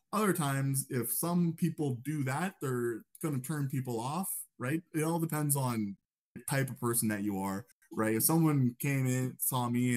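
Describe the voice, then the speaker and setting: Medium in pitch with a darkish tone, the young man's casual lecture is conversational and punctuated by "right?" checks. He also acts out upbeat greetings in a raised voice.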